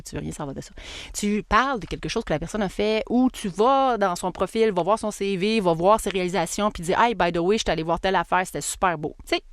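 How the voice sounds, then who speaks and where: A woman with a Québécois accent, hosting a casual solo podcast in a chatty, animated way and laughing at herself. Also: mid-range voice, dry recording, clean studio sound. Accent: Québécois French. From Quebec. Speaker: podcast host and marketing coach.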